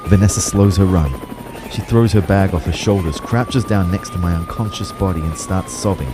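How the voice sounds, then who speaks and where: At normal speed, a young man speaks in a low-pitched, natural voice with a noisy background. He's the anxious narrator of an audio drama about his own out-of-body ordeal, combining first-person narration with acted dialogue. Expressive, tense and reflective, he goes from hushed narration to urgent pleading.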